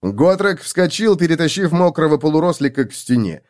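Expressive male narrator for an adventure audiobook, animated delivery. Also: on the high side, fairly quick. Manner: lively, expressive reading. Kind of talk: scripted narration.

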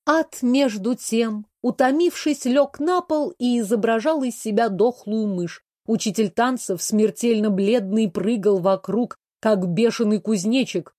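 A woman reading a novel aloud as first-person narrator, in a lively, expressive manner. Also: a little high, measured pace, few pauses, no echo, clean studio sound. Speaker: audiobook narrator.

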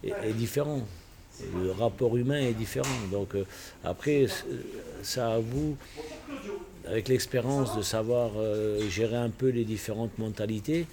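Low-voiced Portuguese-born man in his 60s. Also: noisy background. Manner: reflective, hesitant, halting with restarts. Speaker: interviewee. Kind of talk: casual spoken recollection. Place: bar.

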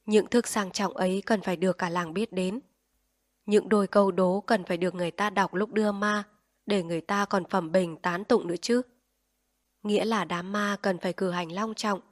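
Calm woman reading a story aloud. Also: medium pitch, no room sound, clean studio sound. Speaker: narrator. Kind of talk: audiobook reading.

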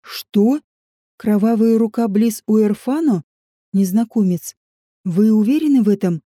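A woman's voice: mid-range voice, mellow, no echo, studio quality, close to an everyday voice. A woman voicing a bold young huntress. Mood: alarmed. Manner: scolds sharply, quick exclamations.

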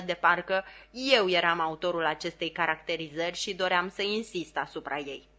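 A woman narrating a novel as an audiobook reader, in calm, steady scripted narration. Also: lowish voice.

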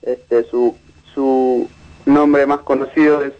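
A man, a media researcher giving a measured, analytical interview with frequent restarts. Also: medium pitch, flat delivery, lo-fi sound.

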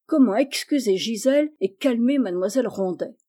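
A woman reading a classic novel aloud in measured, clear narration. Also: a little high, expressive, mellow. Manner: measured and clear, acts out the dialogue. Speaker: audiobook reader.

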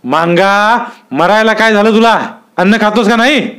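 A man's voice: high-pitched, moderate pace, a bit bright, clean tone, voice pushed up. A man voicing a harsh bellowing village landlord. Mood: commanding. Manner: bellowing, menacing interrogation. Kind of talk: dramatic storytelling.

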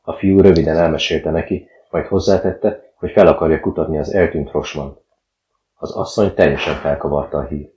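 Male narrator, very low voice, calm even reading, slightly muffled, roomy sound. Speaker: audiobook narrator. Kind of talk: scripted narration. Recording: dull, roomy recording.

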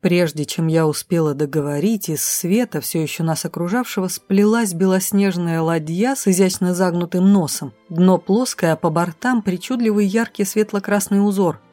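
A woman reading a fantasy audiobook aloud, telling it lively in the first person. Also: lowish voice, normal speed, hardly any pauses, no room sound, faint music behind. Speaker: audiobook narrator.

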